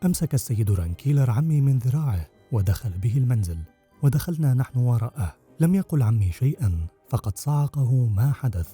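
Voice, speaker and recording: A man reading a first-person audiobook narration in an expressive storytelling manner. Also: medium pitch, fairly quick, breathy edge, soft background music.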